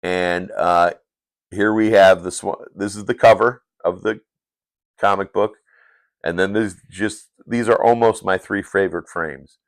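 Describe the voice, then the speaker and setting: A man's voice: low voice, fairly even intonation, measured pace, no echo. A man casually walking his viewers through the pages of his own comic on a live stream, rambling and often correcting himself. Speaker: comic book creator.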